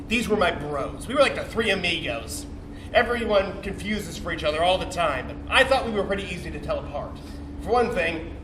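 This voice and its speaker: On an indoor theatre stage, a man performs a dramatic comic monologue as a cocky, bitter young sperm cell, confessing his story to the audience like a slangy, swearing, defensive bro. His voice is high and natural, recorded from a distance in a roomy space with faint noise.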